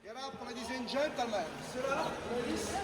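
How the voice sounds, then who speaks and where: A man's voice: extremely high pitch, moderate pace. A man, working as a rowboat oarsman, calling out short instructions in broken English to passengers inside a sea cave, with a cave echo. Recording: cave echo, distant, loud water and boat noise.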